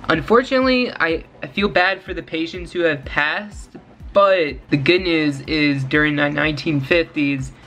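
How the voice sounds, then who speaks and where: A man's voice: a little high, normal speed, a bit bright, faint music behind. A young man vlogging casually from a bedroom, chatty and slangy as he talks straight to his viewers. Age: young adult. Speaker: urban exploration vlogger. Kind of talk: casual vlog talk to camera. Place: small bedroom lit with LED strips.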